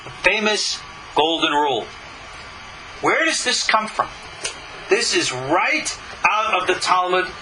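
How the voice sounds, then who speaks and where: A man with a high-sitting voice teaches a class as a rabbi, reading scripture and commenting on it emphatically and argumentatively, with rhetorical questions. There is noise in the background.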